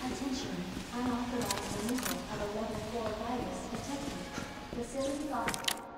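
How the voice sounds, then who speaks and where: A woman voicing a facility computer that gives automated alarm announcements over a loudspeaker in a flat, measured, repetitive way. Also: fairly high pitch, very noisy. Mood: flat warning. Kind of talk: game dialogue. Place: large underground lab facility. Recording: echoey distant loudspeaker under loud game ambience.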